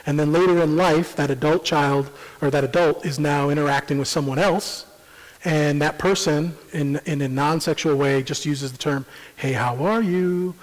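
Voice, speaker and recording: A man presenting a parenting seminar in a church, explaining at a measured pace with frequent ums and uhs. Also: fairly high pitch, steady tone. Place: church sanctuary. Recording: long church hall reverb.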